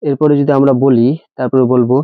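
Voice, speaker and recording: A man's voice: medium pitch, steady tone, brisk, no echo. A man teaching an English grammar lesson, spelling words letter by letter and asking his students rhetorical questions. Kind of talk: classroom-style grammar lesson. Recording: dry, dull lo-fi recording.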